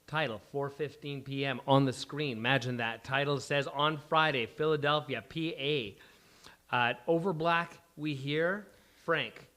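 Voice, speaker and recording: A man with a medium-pitched, sharp-toned voice, speaking a little slowly, hosts a live table read and narrates the stage directions. It takes place at a live venue before a studio audience, with faint background noise from the event.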